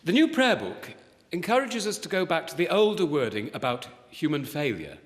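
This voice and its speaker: A lively-pitched, earnest village vicar in a naturalistic TV drama. He is gentle, measured and polite. The voice rings in an echoey hall. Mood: earnest, solemn. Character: earnest, mild-mannered male village vicar, devoted husband.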